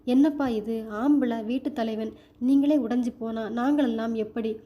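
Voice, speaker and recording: A woman's voice: fairly high pitch, steady tone, moderate pace, highs cut off, natural voice. A woman voicing a worried mother who talks in a firm, coaxing way.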